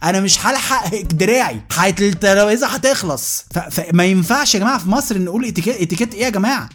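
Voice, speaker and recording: A man's voice: sits high, husky. A man with an Egyptian Arabic accent doing a comic monologue, exasperated and mocking, tripping over his words as he rants. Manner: exasperated, mocking, rapid-fire with frequent restarts. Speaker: podcast host.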